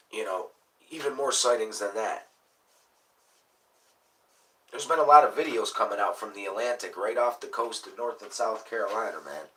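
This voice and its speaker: Sharp-toned man in his late thirties, rambling. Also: fairly low pitch, recorded from a distance, poor audio. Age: late 30s. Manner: rambling, profane, laid-back. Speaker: livestream host. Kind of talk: casual livestream chat.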